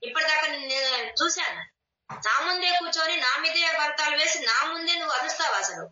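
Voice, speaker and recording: Brief: woman playing furious goddess, scornful and commanding, high bright voice, distant roomy audio. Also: lively intonation, a little fast, slight background noise, exaggerated voice. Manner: scornful, commanding, repeats orders. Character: wrathful goddess scolding a roaring demon. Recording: roomy, distant, dull online class audio.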